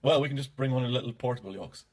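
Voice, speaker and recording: A man's voice: mid-range voice, slightly rough. An Irish man co-hosting a podcast, chatting casually with teasing, joking banter. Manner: animated, teasing banter, quick to laugh. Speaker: podcast co-host. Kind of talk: casual chat.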